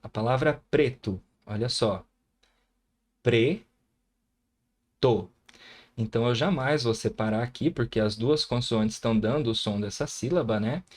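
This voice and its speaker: A man's voice: medium pitch, normal speed, hardly any pauses, darkish tone. A man with a Brazilian Portuguese accent teaching a recorded grammar lesson, patiently sounding out syllables and often checking in with the viewer.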